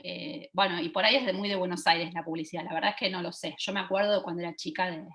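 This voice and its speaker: A woman's voice: fairly low pitch, steady tone, quick pace, fairly bright tone. Woman lecturing, checking in often. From Argentina. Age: 40s. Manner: checks in with listeners by asking "¿sí?". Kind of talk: online teaching talk. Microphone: video call.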